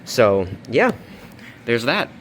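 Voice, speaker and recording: A man's voice: mid-range voice, very animated, very slow, fairly bright tone, a little hiss or hum. A man hosting a casual craft tutorial vlog, talking in a rambling, informal way with loose asides, recorded in a basement. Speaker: video host. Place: basement room indoors.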